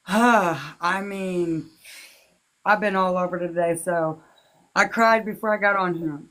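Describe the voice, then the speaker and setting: A woman speaking as an interview guest, recalling personal matters in a halting, heartfelt, casual way. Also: fairly low pitch, fairly bright tone. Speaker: interview guest, victim's relative.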